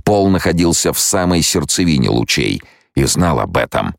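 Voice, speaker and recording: In an extremely low, gravelly voice, a man narrates an audiobook at an even, measured pace. He's close to the microphone, and the recording is completely dry with no echo or room sound.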